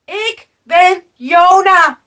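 A woman plays a resigned, remorseful prophet in a spoken storybook, declaring himself in an earnest, raised voice. The delivery is high and slow. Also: steady tone, sharp tone, exaggerated voice.

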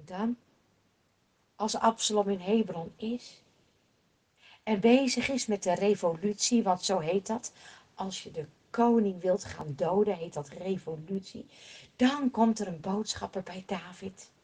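Woman Bible storyteller, breathy, unhurried, expressive with hushed drops. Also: mid-range voice.

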